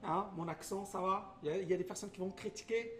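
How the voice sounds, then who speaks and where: A man's voice: high-pitched, fairly even intonation, quick pace, faint music behind. A man hosting a live teaching stream, quizzing his viewers and explaining things in plain terms. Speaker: investment educator, host.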